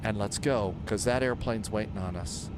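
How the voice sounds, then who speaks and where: A man's voice: fairly low pitch, normal speed. A man hosting a flight simulator livestream, chatting casually and thinking aloud as he narrates his steps. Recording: clear aircraft engine noise behind. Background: simulator aircraft noise.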